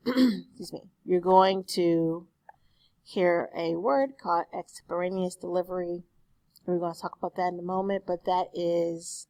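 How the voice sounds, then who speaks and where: A woman's voice: lowish voice, no room sound. A woman speech instructor giving a recorded online lecture in a conversational way, often correcting herself. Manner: conversational, frequent self-corrections and "excuse me".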